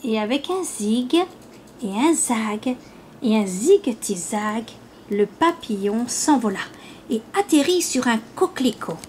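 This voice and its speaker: A woman reading a picture book aloud to children, with slow, clear storytelling. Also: a little high, expressive, darkish tone, a little hiss or hum. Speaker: storybook reader. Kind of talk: children's read-aloud narration.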